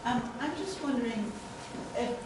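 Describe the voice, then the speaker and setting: A woman's voice: on the high side, animated, moderate pace. A woman in the audience asking a question hesitantly, searching for her words. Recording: echoey hall, distant, with noise.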